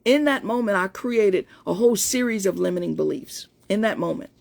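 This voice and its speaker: Fifty-ish woman coach chatting on a live stream, gravelly in-between voice, lots of restarts. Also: medium pitch, lively intonation, a little fast, a little mellow. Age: 50s. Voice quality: voice between feminine and masculine. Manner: storytelling, chatty, many restarts. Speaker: life coach. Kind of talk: casual live-stream talk to viewers.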